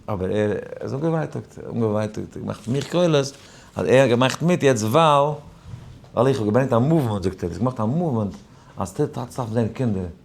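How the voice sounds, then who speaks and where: A man who is a rabbi giving an informal Torah lesson, weaving in a personal story, animated and shifting between quiet asides and emphatic points. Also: mid-range voice, brisk, vocal fry. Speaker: rabbi teaching a daily Torah class.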